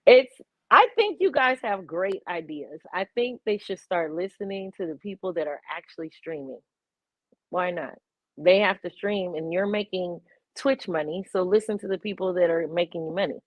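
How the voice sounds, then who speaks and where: Female guest from the Bay Area, casual chat, lower pitch, earnest, dull remote sound. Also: animated, no room sound. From San Francisco Bay Area. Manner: earnest, measured, caring. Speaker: guest streamer.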